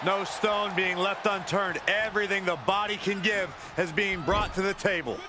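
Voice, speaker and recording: A man's voice: high-pitched, fairly even intonation, moderate pace, noisy background, close to an everyday voice. A man voicing a dramatic, emphatic wrestling color commentator in scripted video game commentary.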